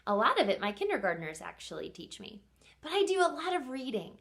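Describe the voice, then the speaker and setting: In a fairly high voice, a woman acting as teacher and host gives young children an expressive storybook read-aloud, stopping often to ask her audience questions.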